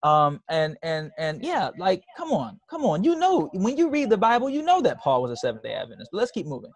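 A man's voice: sits high, huge pitch swings, a little fast. A man preaching a sermon as pastor, emphatic, repeating phrases and calling for responses from the congregation.

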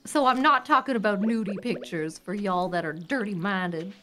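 A woman's voice: medium pitch, normal speed, sharp tone. A woman streamer with a put-on Southern US accent, chatting playfully while gaming, sing-songy and rhyming. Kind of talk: casual gaming chat. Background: game music.

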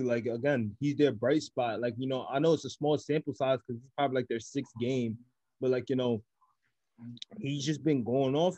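A man's voice: mid-range voice, darkish tone, dry recording, dull audio. A man co-hosting a casual basketball podcast, talking in a laid-back, teasing way full of fillers. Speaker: podcast co-host. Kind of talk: casual sports chat.

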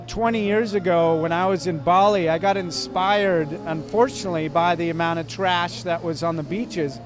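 Young man, higher voice, earnest testimony on a city street, music bed. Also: steady tone, normal speed. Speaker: interviewee. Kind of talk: scripted promo testimony. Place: busy city square outdoors. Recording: street promo with music over it. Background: music and traffic.

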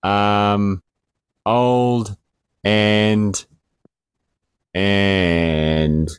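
Joking, rambling man with a lower voice. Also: steady tone, very slow, clear, resonant tone, no echo, studio quality. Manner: joking, rambling with fillers and swearing. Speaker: film review podcast co-host. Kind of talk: casual banter.

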